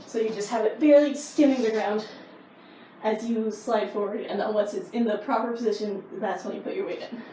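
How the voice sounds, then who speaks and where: Echoey, fairly high-voiced woman karate instructor. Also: fairly even intonation, fairly quick, mellow. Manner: informal, easygoing phrasing. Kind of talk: casual instructional explanation of techniques. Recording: roomy echo, distant mic, faint noise.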